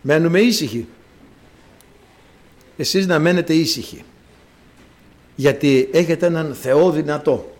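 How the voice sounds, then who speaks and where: A man's voice: fairly high pitch, long pauses, darkish tone. A man preaching a sermon to his congregation, dramatic and full of rhetorical questions.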